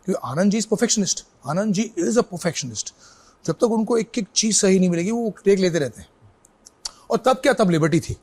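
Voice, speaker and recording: A middle-aged man, an actor as an interview guest, telling anecdotes in a casual, lively way and slipping English phrases in. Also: sits high, moderate pace.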